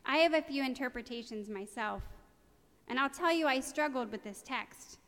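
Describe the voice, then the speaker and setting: A woman's voice: high-pitched, normal speed, a bit bright. A woman preaching a sermon in an earnest, conversational way, with a touch of self-deprecating humor. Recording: long reverb of a large hall.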